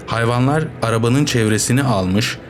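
A man's voice: medium pitch, a little hiss or hum. Man narrating an audiobook. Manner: steady, measured storytelling. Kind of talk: scripted narration.

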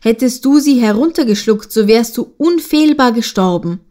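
Audiobook elder goose, wise and commanding, steady calm delivery, read by a woman. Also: fairly high pitch, normal speed, close to an everyday voice. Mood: stern. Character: old wise female lead goose.

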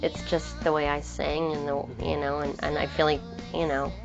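A woman singer-songwriter with a low-pitched voice talks casually in an interview, circling back and restarting her thoughts as she goes. The sound is muffled and lo-fi, with guitar music playing clearly underneath. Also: little pitch movement, normal speed. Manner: rambling, frequent restarts and trailing thoughts. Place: in New York.

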